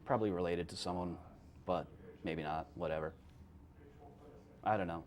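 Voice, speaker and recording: A man's voice: sits low, fairly even intonation, normal speed. A man playing a game live and talking casually about it in a dry, offhand way. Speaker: speedrunner. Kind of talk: casual commentary while playing.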